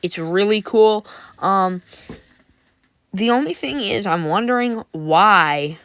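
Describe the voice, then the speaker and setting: A woman's voice: mid-range voice, animated, takes it slowly, fairly bright tone, smooth, no room sound, clean studio sound. A woman casually reviewing Halloween props, chatty and enthusiastic with lots of fillers. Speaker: prop reviewer.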